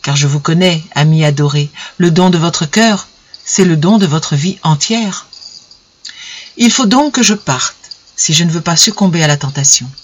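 A man's voice: a little high, moderate pace, slightly rough. A reader voicing an earnest young man in love, speaking in a pleading tone.

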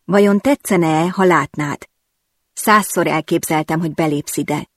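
A woman reading a first-person romance audiobook in an intimate, expressive storytelling manner, recorded on a close studio mic. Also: low-pitched, no echo. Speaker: audiobook narrator.

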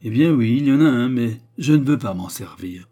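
A man's voice: mid-range voice, lively intonation, normal speed, dark tone, voice pushed up, lightly acted. A man voicing an earnest, lovesick young baronet in a read-aloud classic story, speaking in a pleading, heartfelt way. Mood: grave.

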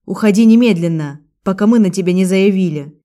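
A woman's voice: mid-range voice, brisk, dark tone, close to an everyday voice. A woman voicing a stern young man who speaks in curt, cold lines.

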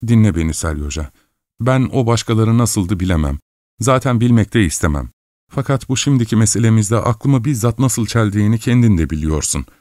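A man's voice: lowish voice, lively intonation, brisk, dark tone, no echo, clean studio sound, pitched above the performer's own voice, natural voice. A man voicing a passionate, jealous young merchant's wife who speaks in a pleading, possessive way in an audiobook.

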